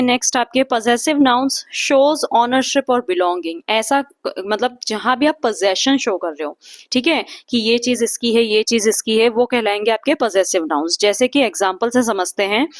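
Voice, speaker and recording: A woman's voice: fairly high pitch, no room sound. A woman teacher explaining a grammar lesson to young students, patiently asking the class questions and answering them, with Indian English on the English terms.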